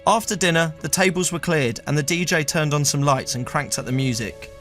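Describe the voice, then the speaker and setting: A man with a fairly high speaking voice tells a comic story from his past in a dry, deadpan way. He sometimes stumbles over his words when the others tease him. Faint music plays under the talk. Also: brisk. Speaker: storyteller host.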